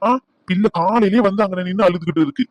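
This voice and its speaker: An outspoken young nephew from a cartoon family drama, voiced by a man. He scolds in a quick, insistent voice. The recording is dry and close. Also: high voice, darkish tone, no echo. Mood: scolding.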